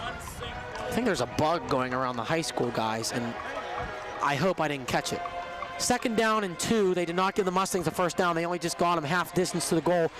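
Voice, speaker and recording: With music playing in the background, a high, squeaky-voiced man calls a football game play by play. He's a touch under the weather, yet his live sports commentary stays brisk and energetic as the plays unfold.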